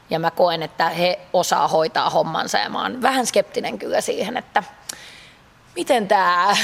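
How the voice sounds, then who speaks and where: A woman's voice: medium pitch, creaky. Chatty Finnish-speaking woman athlete. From Finland. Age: 30s. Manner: chatty, frequent fillers, laughs easily. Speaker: pole dance athlete. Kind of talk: interview answers.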